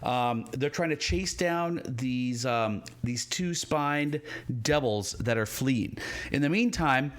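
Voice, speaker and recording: A man's voice: mid-range voice, lively intonation, takes it slowly. A man as game master, casually and playfully narrating a tabletop fantasy game. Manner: playful, informal.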